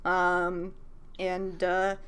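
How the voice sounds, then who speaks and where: A woman narrating as game master in a casual tabletop game, halting with many fillers and the odd swear. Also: fairly low pitch, monotone, a bit bright, clear, resonant tone.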